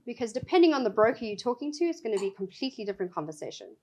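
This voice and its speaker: A woman's voice: a little high, very animated, racing, mellow. A woman, a regional sales director, chatting as a guest in an interview, emphatic and enthusiastic. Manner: emphatic, enthusiastic, laughs easily. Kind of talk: casual interview chat.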